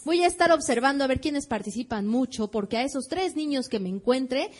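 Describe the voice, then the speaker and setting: Woman, high voice, Mexican accent, energetic children's show host. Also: fairly quick. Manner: energetic, coaxing children to join in. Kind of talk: lively hosting before a child audience. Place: auditorium with children.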